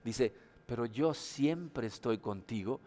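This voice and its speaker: A man's voice: mid-range voice, lively intonation, takes it slowly, warm tone, big-room sound. A male pastor, preaching in a conversational way with many rhetorical questions. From Mexico. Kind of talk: sermon. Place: church hall.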